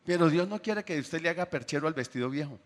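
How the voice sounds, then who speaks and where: His voice fairly high and expressive, a preacher addresses his congregation with questions, moving back and forth between loud bursts and soft, lingering phrases.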